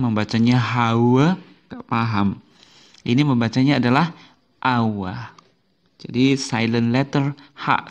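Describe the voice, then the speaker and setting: Slow, patient man teaching pronunciation. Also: mid-range voice, dull audio. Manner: patient, repeats each word slowly for learners. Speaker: English teacher. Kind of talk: slow explanatory video lesson.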